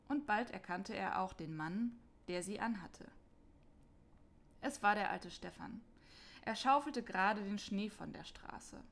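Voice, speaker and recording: A woman calmly narrating a scripted Christmas story for children in a clear reading voice. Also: mid-range voice.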